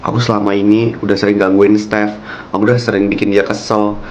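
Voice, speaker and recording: A man voicing a gentle, sickly young woman. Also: fairly low pitch, flat delivery, fast, slight background noise, close to an everyday voice. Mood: earnest. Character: gentle self-sacrificing young woman, ill.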